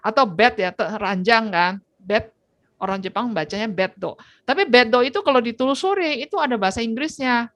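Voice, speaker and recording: A woman's voice: fairly high pitch, fairly quick, fairly bright tone, no room sound. A woman lecturing on Japanese language in an informal online class, talking conversationally and tagging her sentences with "ya".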